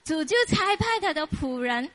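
High-voiced woman giving an emotional testimony. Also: lively intonation, a bit bright. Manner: emotional, halting, with fillers and nervous laughs; repeats words for emphasis. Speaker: church member giving a testimony. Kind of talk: personal faith testimony.

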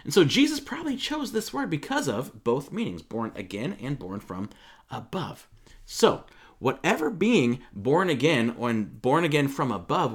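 Animated, conversational male preacher. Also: a little high, husky. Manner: conversational, animated storytelling with slang examples. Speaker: pastor. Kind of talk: sermon. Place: church.

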